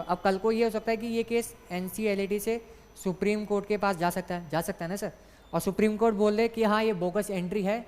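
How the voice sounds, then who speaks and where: A woman's voice: medium pitch, darkish tone. A woman teacher gives an online exam lecture, walking through each point step by step. She keeps asking questions and answering them herself. Her mid-range voice carries a long echo, as if she is recording in a hall.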